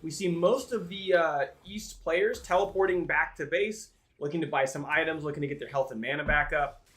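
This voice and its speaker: A man giving live play-by-play commentary on a video game match in an excitable announcer style. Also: on the high side, normal speed. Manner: excitable announcer-style calls that swell at big plays. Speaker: esports commentator, play-by-play caller.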